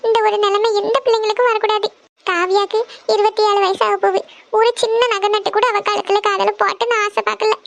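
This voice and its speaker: A woman's voice: very high voice, little pitch movement, brisk, vocal fry, a little hiss or hum. A woman voicing a worried poor mother of five daughters in a cartoon family serial, talking anxiously. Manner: anxious, pleading.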